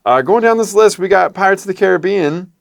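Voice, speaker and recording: A man's voice: fairly quick, creaky. A man co-hosting a casual movie podcast, reading titles off a list. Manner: animated, reads titles off a list with bouncing pitch. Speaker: podcast co-host. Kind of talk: casual chat.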